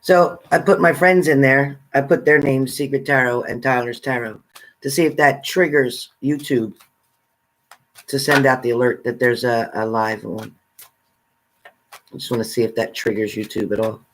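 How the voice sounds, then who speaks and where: On a poor-quality recording with slight background noise, a male livestream host chats with viewers at a moderate pace. His mid-range voice stays steady, and he keeps things casual, calling out viewers by name as he goes.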